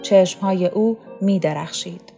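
A woman narrating a story in a calm, measured reading voice. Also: lowish voice, vocal fry. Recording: faint music underneath.

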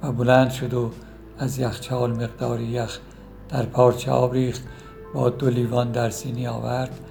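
Gravelly, flat-voiced man narrating a story. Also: medium pitch, soft background music. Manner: calm, even storytelling. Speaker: author reading his own story. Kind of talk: literary first-person narration.

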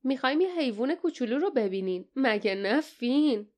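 A woman's voice: medium pitch, natural voice. A woman voicing a burly, spiteful female pirate, taunting her prisoners.

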